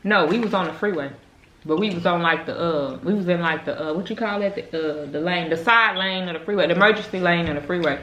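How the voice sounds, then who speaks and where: Lady from a vlog, bright sharp voice, echoey room, chatty storytime, acts out both sides. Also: fairly low pitch, fast talker, slight background noise. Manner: animated, acts out quoted exchanges. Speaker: vlogger telling a story. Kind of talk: casual storytime chat.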